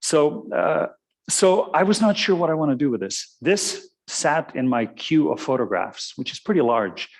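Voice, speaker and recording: A man's voice: a little high, animated, normal speed, creaky. A man from Serbia with a Serbian accent, giving a musing, discursive lecture as a guest photographer and correcting himself as he goes. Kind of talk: lecture talk with slides. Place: lecture room.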